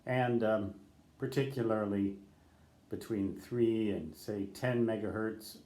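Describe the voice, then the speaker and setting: In an echoey room, an older man speaks slowly in a fairly low, warm voice. He's a ham radio operator giving loose, off-the-cuff advice to camera, correcting himself and spelling out letters in radio code.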